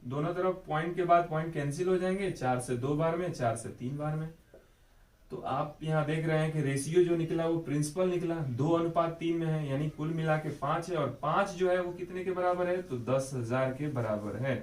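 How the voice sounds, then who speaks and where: A man's voice: on the high side, normal speed, a little mellow, recorded from a distance. A man teaching exam math, explaining each step patiently and repeating key points to check understanding. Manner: patient, repeats key steps with frequent "ठीक है" check-ins. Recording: echoey room, voice off mic.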